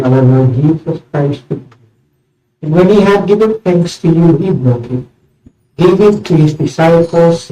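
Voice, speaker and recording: A man serving as priest, reciting a eucharistic prayer solemnly in measured, short phrases, in a large reverberant church. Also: a little high, warm tone. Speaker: priest celebrating communion. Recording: echoey church, distant mic, muffled sound.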